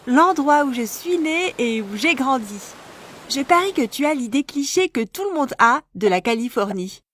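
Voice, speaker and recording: A woman calmly narrating a first-person life story in a scripted, even storytelling voice. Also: a little high, no echo.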